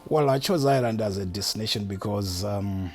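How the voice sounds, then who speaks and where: A man with a Malawian accent, answering interview questions thoughtfully with pauses. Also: on the low side, soft background music. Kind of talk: documentary interview.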